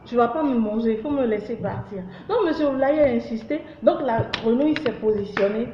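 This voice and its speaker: A woman's voice: fairly high pitch, fairly quick, slight background noise. A woman hosting a comedy joke-news vlog, chatty and teasing with lots of fillers. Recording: roomy, dull lo-fi.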